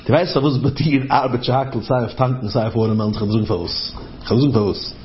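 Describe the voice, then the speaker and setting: A man telling a story in a lively way, acting out the voices of the people he quotes. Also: mid-range voice, fast, muffled recording. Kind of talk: animated storytelling.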